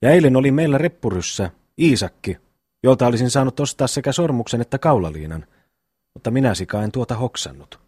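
A man's voice: mid-range voice, lively intonation, darkish tone, slightly rough, no echo, studio quality. A man voicing a brash, bossy eldest peasant brother in a classic audiobook reading. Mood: blustering. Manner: bossy, quick to scold.

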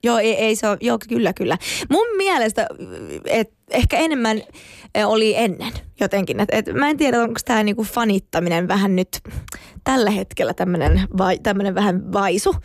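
A woman's voice: medium pitch, dry recording. Chatty woman in a dry studio. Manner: chatty, many fillers and restarts. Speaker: guest, handball fan and player. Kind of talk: casual radio talk.

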